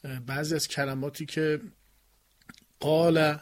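Host guy, kinda high voice, keeps saying right and asks short questions. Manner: brief agreeing interjections. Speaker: interviewer. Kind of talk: conversational discussion.

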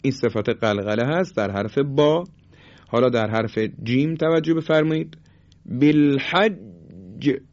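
A man teaching the rules of Quran recitation, stretching out example syllables slowly and emphatically to demonstrate each sound. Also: medium pitch, a little mellow. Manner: slow, drawn-out demonstration of letter sounds. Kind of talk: tajweed lesson. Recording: muffled lo-fi recording.

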